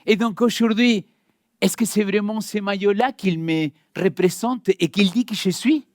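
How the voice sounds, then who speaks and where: An Argentine pastor with a light Argentine Spanish accent gives a sermon in a church hall, speaking to his congregation directly and amiably. His voice is high-pitched and a touch slow. It's recorded at studio quality, free of echo.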